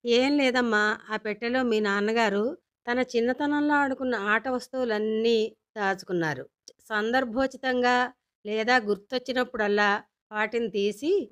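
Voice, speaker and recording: A woman's voice: on the high side, fairly bright tone, lightly acted. A woman voicing an exasperated, practical mother who patiently explains things to her daughter in a storybook reading. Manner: explaining patiently, with dry grumbles.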